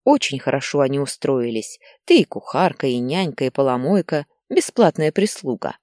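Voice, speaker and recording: A woman's voice: a bass voice, sing-song, normal speed, darkish tone, no echo, studio quality. A woman voicing a tired, resentful adult daughter who speaks sharply and with reproach, in an audiobook story. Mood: reproachful.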